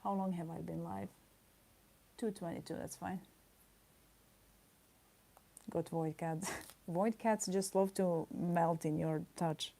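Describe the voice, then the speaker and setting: A woman draws on a livestream and chats casually with viewers, rambling through playful asides, laughing frequently, and teasing her chat in mock indignation. Her lowish voice is gravelly and warm, with a steady tone and measured pace.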